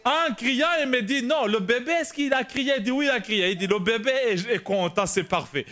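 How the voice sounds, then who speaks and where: A male pastor, telling a personal story in a sermon, animated and shouting at the dramatic moments. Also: very high voice, normal speed. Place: church prayer meeting.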